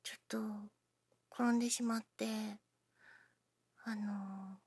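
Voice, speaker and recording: A woman chatting casually to her listeners, self-deprecating, often dropping into breathy near-whispers while she talks through an injured shoulder. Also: on the high side, little pitch movement, slow, darkish tone, dry recording, clean studio sound. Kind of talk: casual personal talk to listeners.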